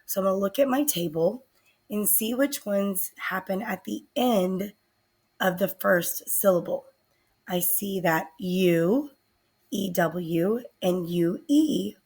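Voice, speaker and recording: Sounding out each word deliberately, a woman teacher leads her students through a spelling lesson at an unhurried, careful pace. Her medium-pitched voice is gravelly and slightly husky.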